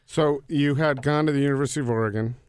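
A man hosting a food interview, his voice smooth and resonant, recorded dry and close. He from Connecticut, asks long winding questions that circle back on themselves. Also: medium pitch, fast talker, darkish tone, no echo. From Connecticut, United States. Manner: rambling questions, restarts. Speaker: podcast host, interviewer. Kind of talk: casual interview conversation.

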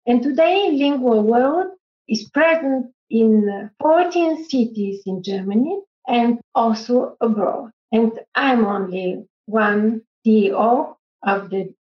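Bulgarian-born woman CEO, slightly high voice, halting non-native phrasing, echoey lo-fi video call. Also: expressive. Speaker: company CEO panelist. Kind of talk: panel discussion. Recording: echoey room, dull lo-fi sound.

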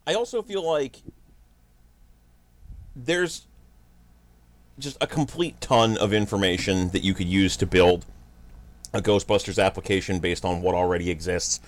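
Low-voiced man, blunt casual chat. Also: a little slow, long pauses. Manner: blunt, offhand, joking. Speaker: podcast co-host.

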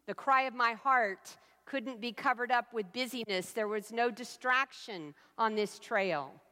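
A woman pastor preaching a sermon, telling a personal story in a slow, reflective way with soft emphatic pauses. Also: on the high side, in a large hall.

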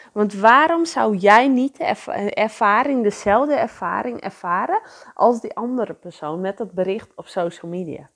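A woman hosting an unscripted solo podcast for horse riders, speaking directly to the listener with hesitant restarts, repeated phrases and many fillers, and posing reflective questions. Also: mid-range voice.

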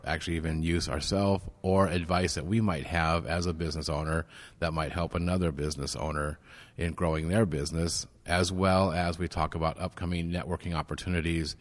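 Deep-voiced man in an echoing banquet hall. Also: brisk. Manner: steady and explanatory. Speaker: networking group organizer. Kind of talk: interview guest explaining at length. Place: golf course banquet room with reverb. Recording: big hall echo.

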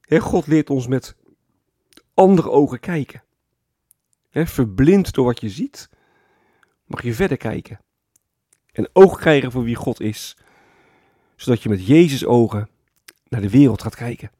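A man preaching a sermon as pastor, explaining calmly and often adding a tag word to his points. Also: mid-range voice, a little slow, pauses often, breathy edge, dry recording, clean studio sound. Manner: calm explanatory preaching with frequent "hè" tags.

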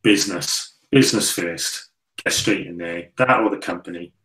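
A man's voice: low-pitched, moderate pace, a bit bright, rough recording. A man co-hosting a podcast in casual chat, rambling with repeated fillers. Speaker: podcast co-host.

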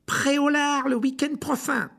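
A man's voice: extremely high pitch, fairly even intonation, unhurried, vocal fry, sharp tone, voice pushed up, exaggerated voice. A man voicing a sulky, resentful teenage boy with a lisp in an audiobook. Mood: eager. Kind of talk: audiobook character reading.

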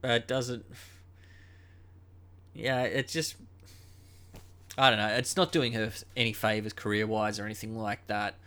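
Smooth-voiced man rambling through a podcast. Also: lowish voice, fairly even intonation, unhurried, long pauses, sharp tone. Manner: rambling, with many ums and uhs; unenthusiastic, dismissive. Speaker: podcast host. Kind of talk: casual solo wrestling podcast talk.

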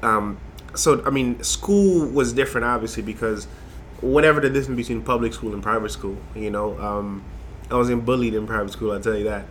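A man's voice: mid-range voice, fairly quick, few pauses, slight background noise. A young man from Haiti, a design lecturer, talking as a guest in a casual interview, rambling with many fillers and restarts.

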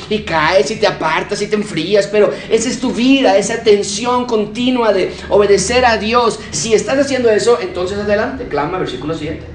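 A man's voice: high voice, fairly bright tone. Man, sermon, emphatic, faint ambient noise. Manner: preaching with emphatic shifts and acted quotes. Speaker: preacher. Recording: roomy, distant mic with faint ambience.

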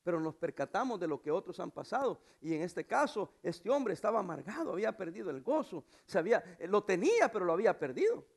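A male pastor delivering a sermon, moving between hushed asides and loud emphatic exhortation. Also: sing-song, fast talker, vocal fry, hardly any pauses. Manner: acts out quoted voices in a high pitch.

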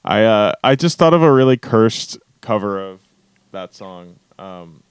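Low-voiced man joking in lively chat. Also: a little slow. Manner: joking, animated, swearing. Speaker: podcast co-host. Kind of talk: casual chat.

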